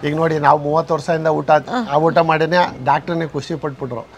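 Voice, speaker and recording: Brief: older man, earnest explainer, rapid delivery, slightly raised pitch. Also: little pitch movement, vocal fry, slight background noise. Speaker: restaurant co-owner. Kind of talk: casual interview chat. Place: small roadside restaurant.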